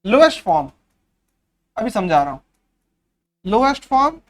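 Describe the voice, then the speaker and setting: A man with a notably high voice leads a maths revision class for young children. He explains each step patiently and keeps asking whether the class has understood. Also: sing-song, a little slow. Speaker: maths teacher.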